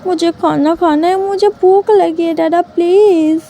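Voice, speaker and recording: Storybook: babyish, stubborn young man, put on by a woman, high and slow, mellow tone. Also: steady tone, soft background music. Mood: whiny. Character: childlike stubborn young man, whiny and hungry. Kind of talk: storybook read-aloud.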